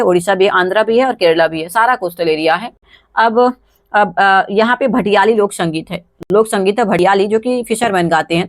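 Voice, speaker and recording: An Indian woman hosts a live quiz stream in a relaxed, chatty way, sounding a bit tired. Her voice sits at an ordinary pitch. The sound is dry and close, with no room echo. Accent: Indian English. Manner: chatty, thanks viewers by name, mixes Hindi and English.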